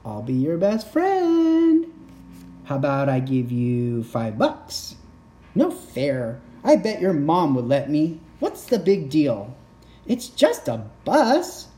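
A woman's voice: low-pitched, wildly swooping pitch, takes it slowly, mellow, roomy sound, pitched above the performer's own voice, heavily acted. A woman voicing a pushy, childish pigeon from a picture book, whiny, wheedling and exaggerated. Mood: pleading, whiny. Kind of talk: picture-book character read aloud.

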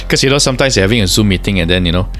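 A Singaporean man with a fairly low voice co-hosts a paranormal podcast. He chats casually and tells everyday anecdotes in colloquial speech. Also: lively intonation, fast, a bit bright.

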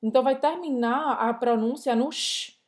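Woman, fairly high voice, chatty co-host, podcast lesson. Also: moderate pace. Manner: chatty, asks follow-ups and explains in Portuguese.

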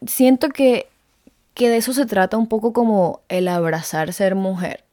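A woman's voice: mid-range voice, normal speed, dark tone, no echo, studio quality. A young adult woman talking to her listeners in a casual, confiding personal monologue, chatty and openly emotional as she tells a story. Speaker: podcast host.

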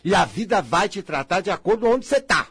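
A man with a Brazilian accent giving a blunt, scolding motivational monologue, jumping from loud outbursts to low mutters. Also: sing-song, fast, husky, no echo.

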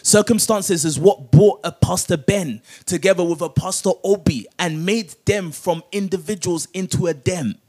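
A pastor preaches a sermon with call-and-response scripture reading, asking for verses to be read aloud and repeating them with rising emphasis. His voice sits high and a little mellow, at a moderate pace with few pauses, over soft background music.

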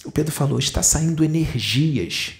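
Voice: mid-range voice, normal speed. A spiritist lecturer with a Brazilian Portuguese accent, telling a story in a conversational way and acting out the dialogue in different voices.

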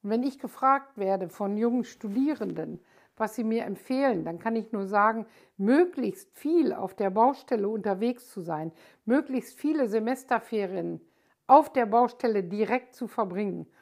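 A woman's voice: a little high, lively intonation, normal speed, darkish tone. An older woman, an architect hosting her own podcast, speaking in a thoughtful, hesitant way with many filler sounds. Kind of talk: casual monologue.

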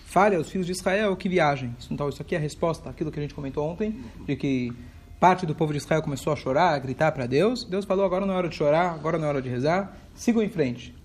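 A man teaching a lively text study class, acting out dialogue and mixing in Hebrew phrases. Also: on the high side, racing, slight background noise. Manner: expressive, acts out dialogue, mixes in Hebrew phrases. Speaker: Torah teacher.

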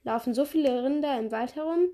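A woman's voice: high voice, fairly quick, dark tone, natural voice. A woman voicing a sheepish middle-aged male teacher who mumbles meekly, read aloud from a storybook. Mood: puzzled. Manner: mumbling, meek.

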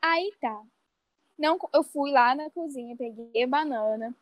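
Young woman, high voice, dry close sound, self-mocking podcast storyteller. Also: a little slow, dry recording. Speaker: podcast co-host. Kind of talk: casual podcast chat.

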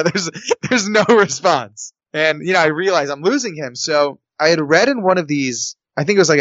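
A man telling a personal story in a lively, comic, conversational way on an interview. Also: fairly high pitch, no room sound, highs cut off. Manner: lively, comic, jumps into quoted voices.

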